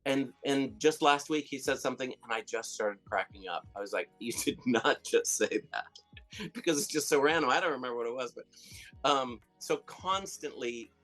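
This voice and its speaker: A man's voice: medium pitch, brisk, soft background music. A man guest in a casual interview, telling stories animatedly, with lots of restarts, fillers and laughter. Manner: rambling, with many restarts and fillers; animated storyteller who laughs often. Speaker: filmmaker and comedian guest.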